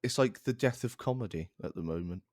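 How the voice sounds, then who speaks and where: A man's voice: fairly low pitch, animated, brisk, darkish tone, no echo, studio quality. A young man co-hosting a casual podcast, ranting in exasperation and restarting his sentences. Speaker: podcast co-host.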